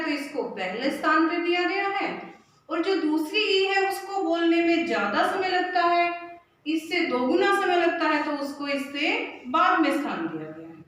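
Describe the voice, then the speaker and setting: A woman's voice: very high-pitched, fairly bright tone. A woman teacher giving a first-grade lesson, patient and repetitive, sounding out letters one by one. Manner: slow, patient, repeats points and spells out letters. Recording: echoey room, voice from far off.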